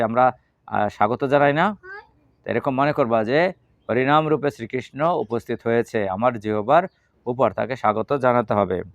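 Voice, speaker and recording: A man's voice: mid-range voice, no echo. Male religious teacher, question and answer. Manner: asks the class questions and answers them himself; leads slow chanting. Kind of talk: Gita lecture to a class.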